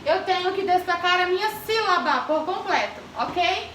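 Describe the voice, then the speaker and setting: A woman's voice: very high voice, expressive, moderate pace, a bit bright, a little hiss or hum. A woman teacher giving a grammar lesson to children, asking the class questions and calling on pupils by name. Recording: echoey classroom from far off.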